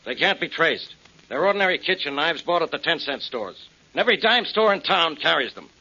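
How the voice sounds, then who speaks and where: A man playing a gruff, sarcastic, stubborn police inspector in a 1940s radio drama. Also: a little high, very animated, a little fast, bright, forceful tone, full character voice. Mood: irritable, sarcastic. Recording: muffled, noisy 1940s radio recording.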